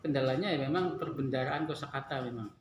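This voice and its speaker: A man's voice: medium pitch, fast talker. A man teaching an Arabic grammar class, patient, often laughing and repeating key terms. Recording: very echoey room with noise.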